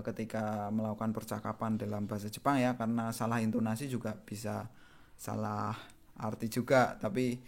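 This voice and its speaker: Patient Indonesian man teaching Japanese. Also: on the low side. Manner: patient, repeats points often with "gitu ya". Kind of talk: grammar lesson explanation.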